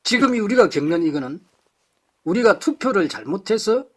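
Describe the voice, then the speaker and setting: A man lectures a live audience with fiery conviction, his voice pitched high and swinging widely as he hammers home rhetorical questions. He speaks bluntly and throws in harsh insults. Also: animated, normal speed, slightly rough.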